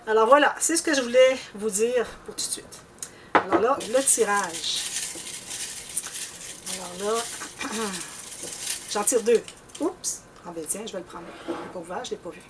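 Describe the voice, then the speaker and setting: A Canadian woman with a Québécois French accent hosts a scrapbooking channel, chatting casually and ramblingly to viewers and often clearing her throat. She speaks at medium pitch and moderate pace with long pauses, picked up by a distant mic over a noisy background.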